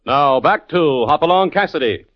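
Old time radio announcer guy, lively delivery, music behind, bit muffled. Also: on the high side, moderate pace. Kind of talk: 1950s radio announcing, scripted narration. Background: orchestral music.

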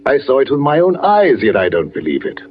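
A fretful old village vicar. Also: male voice, mid-range voice, huge pitch swings, fairly quick. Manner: gentle, fretful, formal. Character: anxious elderly village vicar, a father. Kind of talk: 1940s radio acting. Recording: dull old radio broadcast with faint hiss.

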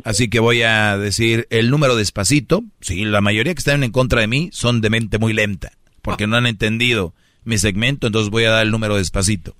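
Host de radio mexicano, descarado y bromista, voz brillante, seco en micro de estudio. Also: male voice, fairly low pitch, a little fast, fairly bright tone, no room sound, studio quality. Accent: Mexican Spanish. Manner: brash, slangy, teasing. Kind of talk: call-in radio advice show. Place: radio studio.

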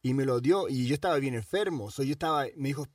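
A man's voice: medium pitch, fast, dry recording, studio quality, distant mic. A man co-hosting a morning radio show, telling a story casually and mixing Spanish and English.

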